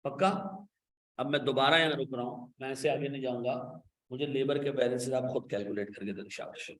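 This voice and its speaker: In an accounting lecture, a man animatedly coaxes his students, pressing them with repeated questions and playful scolding. His voice is mid-range and a little fast, and the classroom sound is reverberant.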